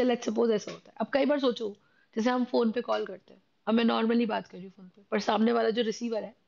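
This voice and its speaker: A woman's voice: a little high, creaky, darkish tone. Hindi-speaking woman teaching chemistry, lo-fi. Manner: explains step by step, often repeats questions. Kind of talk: classroom lecture.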